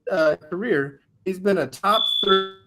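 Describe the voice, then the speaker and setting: A man with a slightly raised pitch argues insistently on a podcast, speaking through a video call. His connection buffers and stutters, so the words break up and drop out. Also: measured pace. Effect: choppy, buffering connection that breaks up. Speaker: podcast co-host. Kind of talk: casual sports chat over a video call.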